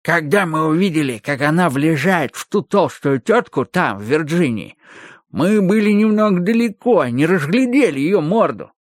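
A man doing a squeaky, nervous skinny thug. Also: sing-song, dry recording, clean studio sound. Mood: flustered. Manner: squeaky, hurried and flustered. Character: skinny young male thug, nervous and whiny.

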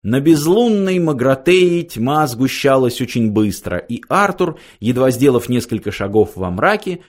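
Man, audiobook narrator, measured, even, scripted reading. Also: medium pitch.

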